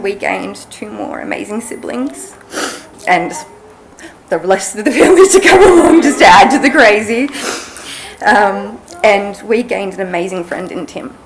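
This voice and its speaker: A woman's voice: mid-range voice, slight background noise, low-quality recording. A young woman reading a tender family eulogy at a funeral service into a podium microphone. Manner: slow, tender, emotional.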